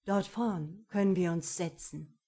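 A woman voicing a gentle, teasing man courting a young woman, speaking low and murmuring in an audiobook. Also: measured pace. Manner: soft, low, murmuring delivery. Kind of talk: audiobook character reading.

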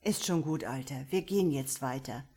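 A woman's voice: extremely low pitch, moderate pace, slightly rough, pitched below the performer's own voice, exaggerated voice. A woman voicing a firm, commanding young male soldier scout. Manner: firm, commanding, later gentler.

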